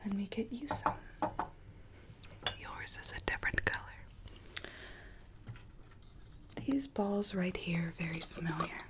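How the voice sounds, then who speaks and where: A woman playing a sweet rogue Alice from a storybook in a whispered ASMR roleplay, telling her tale in a soft, coaxing, theatrical way. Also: medium pitch, expressive, moderate pace, close to an everyday voice. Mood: gently coaxing.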